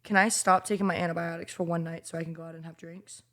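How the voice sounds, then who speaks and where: Young woman, rapid casual chat, blunt and cursing, recovering from strep throat. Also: fairly low pitch. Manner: blunt, profane, animated storytelling. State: getting over strep throat. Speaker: podcast co-host.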